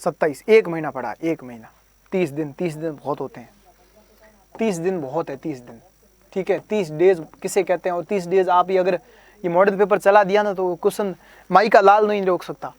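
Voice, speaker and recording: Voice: medium pitch, a little fast, no room sound. A coaching teacher giving an exam preparation lecture, drilling terms by repetition, quizzing listeners and using playful memory tricks.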